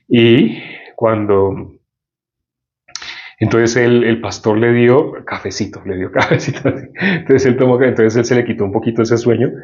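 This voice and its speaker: Man telling a story in a sermon. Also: mid-range voice. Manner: animated storyteller acting out voices, chuckling. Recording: dull lo-fi recording.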